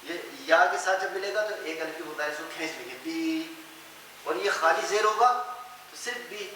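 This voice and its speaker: A man's voice: sits high, pushed and bright. An older man teaching a classroom tajweed lesson, patiently drilling letter sounds. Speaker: Quran recitation teacher. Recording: echoey classroom with background noise.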